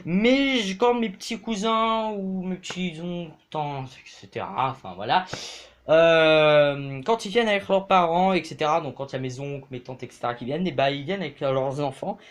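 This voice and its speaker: A young man giving a casual tour of his bedroom, rambling and hesitant with lots of fillers, his voice jumping up then sinking low and quiet. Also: animated, normal speed. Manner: pitch swings up and drops low and quiet. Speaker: vlogger. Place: bedroom, indoors.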